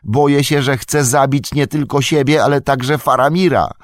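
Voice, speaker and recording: A man's voice: medium pitch, normal speed, no echo, studio quality, pitched above the performer's own voice, natural voice. A man voicing Pippin, a frightened young male hobbit who pleads breathlessly and urgently.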